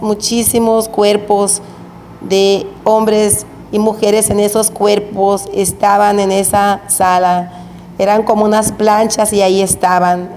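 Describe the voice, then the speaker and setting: Slow-speaking woman recounting a religious vision. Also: mid-range voice, darkish tone. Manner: slow, repetitive storytelling with recurring phrases. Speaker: preacher recounting a revelation. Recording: echoey hall with faint background noise.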